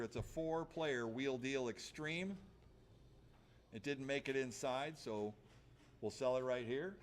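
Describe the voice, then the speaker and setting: A man working as an auctioneer, chanting bids in a rhythmic, repetitive patter of numbers and stock phrases. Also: mid-range voice.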